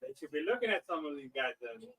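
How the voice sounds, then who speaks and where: A man chatting on a live stream as sideline reporter, his voice high and swinging widely in pitch. He teases and chuckles through casual banter. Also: big pitch swings, fast talker, bright, forceful tone, slightly rough, no echo, poor audio. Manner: teasing, chuckling.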